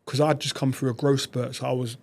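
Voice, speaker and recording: A man, a podcast guest telling stories about his past in quick, animated bursts. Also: medium pitch, gravelly. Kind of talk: reflective conversational storytelling.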